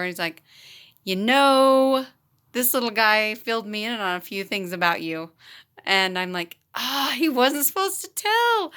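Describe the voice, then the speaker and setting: A woman's voice: medium pitch, bright, forceful tone, clear, resonant tone. A woman in her thirties, a teacher, casually telling a funny story to camera and laughing often as she goes. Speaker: teacher and vlogger.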